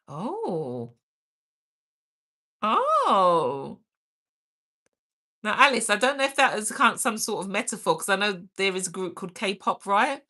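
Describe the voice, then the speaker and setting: A middle-aged British woman hosts a livestream, chattily reading viewer comments aloud and answering them. Her voice is medium in pitch, bright and forceful.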